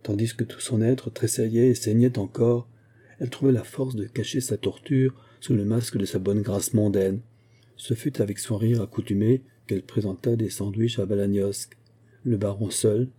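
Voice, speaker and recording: Guy narrating an old novel, lowish mellow voice, steady. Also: breathy edge. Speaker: audiobook narrator. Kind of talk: scripted narration of a classic novel.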